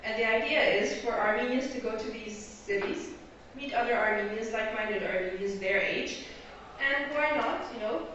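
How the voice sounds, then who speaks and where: Recorded from afar in an echoey hall on a lo-fi mic, an Egyptian graduate student presents her research in an explanatory way, frequently pausing to make sure her audience keeps up. Her voice is fairly high and a bit bright, yet the sound comes out dull, with faint hiss.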